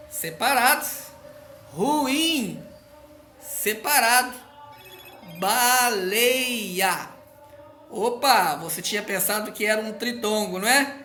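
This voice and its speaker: Slow, bright-voiced man teaching. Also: high-pitched, a little hiss or hum. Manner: patient, checks in often with the learner. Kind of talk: recorded grammar lesson. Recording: roomy echo.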